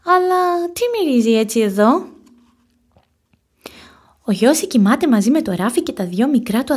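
A woman narrating a children's storybook, expressive and animated. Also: medium pitch. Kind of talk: storybook reading.

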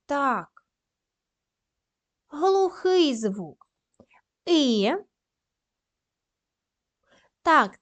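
In a recorded lesson for young children, a woman primary teacher dictates slowly and carefully, praising the pupils frequently. She speaks in a high, lively voice at an unhurried pace.

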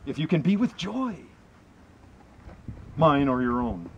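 Outdoors in a wooded area, a middle-aged man recites poetry to a small group, his voice on the high side and his phrasing earnest, deliberate, and emphatic. He serves as both poem reader and presenter. A camera mic a few meters away captures slightly muffled audio with faint ambient noise.

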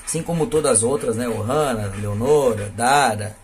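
A man's voice: medium pitch, normal speed, slight background noise. A man with a Brazilian Portuguese accent, a dog breeder chatting playfully with viewers and cooing baby talk to his dogs outdoors at a kennel. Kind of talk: casual vlog.

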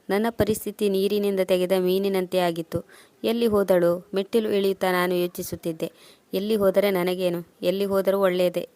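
Flat, even-voiced woman storyteller. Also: mid-range voice, no room sound. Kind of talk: scripted first-person story narration.

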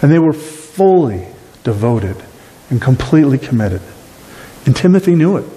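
A middle-aged man preaches with animated emphasis from the pulpit of a small church. His voice is mellow and dark, and it rings out in a long hall reverb, picked up by a camera at the back of the room. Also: medium pitch, normal speed. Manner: animated preaching with wide gestures. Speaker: pastor. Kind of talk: sermon. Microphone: far camera at back of room.

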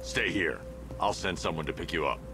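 An actor playing a grim, menacing masked vigilante in a video game, speaking in terse commands. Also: male voice, deep voice, lively intonation, normal speed, low-quality recording. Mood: grim, controlled. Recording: game music, rain and engines behind.

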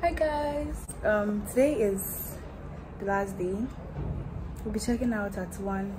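A woman's voice: medium pitch, slow pace. A young woman from Ghana chatting casually to viewers in a vlog, playful and talkative. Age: 20s. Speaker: vlogger. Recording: music and crowd noise behind.

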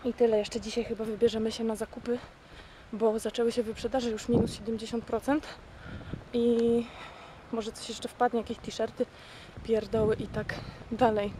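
Young woman, highish voice, casual rambling vlog talk, slangy and offhand, handheld camera with clear traffic and travel noise. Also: little pitch movement, moderate pace. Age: 20s. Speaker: vlogger. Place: outdoors on streets and platform, aboard a train. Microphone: camera microphone at arm's length.

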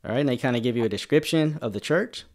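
A man hosts a relaxed livestream conversation. He guides the talk along and keeps prompting his guest with questions. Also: mid-range voice, fast talker. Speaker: channel host. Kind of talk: casual livestream chat.

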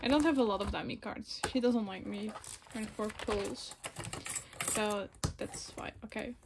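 A woman's voice: mid-range voice, unhurried, gravelly, very noisy. A woman in her twenties from Belgium, a native Dutch speaker, chatting casually and rambling as she sorts photocards. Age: 20s. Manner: rambling, self-correcting, soft-spoken. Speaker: vlogger. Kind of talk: casual chat while sorting photocards. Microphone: phone camera.

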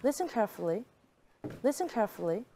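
A woman's voice: a little high, very animated, fast, slight background noise. A woman playing an officer on a variety show, giving short spoken commands. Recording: show clip with loud music. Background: loud music.

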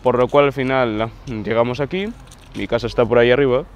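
A man's voice: medium pitch, fairly even intonation, brisk, highs cut off, a little hiss or hum. Easygoing young man with a Spanish accent. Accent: Spanish (Spain). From Dominican Republic. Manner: easygoing, casual storytelling. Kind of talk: documentary interview. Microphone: lapel mic.

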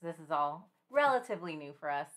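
A woman teaching a live-streamed finger painting class in a chatty, gentle way, with many fillers and small laughs. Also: low-pitched, animated, a little fast. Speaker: art instructor.

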